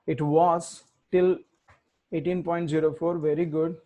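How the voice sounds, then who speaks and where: A man's voice: fairly high pitch, flat delivery, unhurried, dark tone. A man teaching a live coding tutorial, thinking aloud and correcting himself as he types commands. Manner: thinks aloud, self-correcting, mutters while typing. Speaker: tech instructor.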